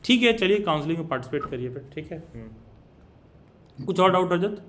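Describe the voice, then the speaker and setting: A man's voice: fairly high pitch, lively intonation, moderate pace, a bit bright. A man counselling students in a live online session, earnest, mixing in English phrases. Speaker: B.Ed. admission counsellor.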